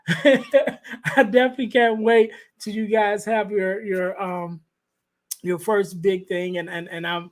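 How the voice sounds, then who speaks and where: A soft-spoken man with a high, light voice hosts a conversational podcast interview through a podcast mic. He hesitates a lot, starting phrases over and filling gaps with fillers while he thinks aloud.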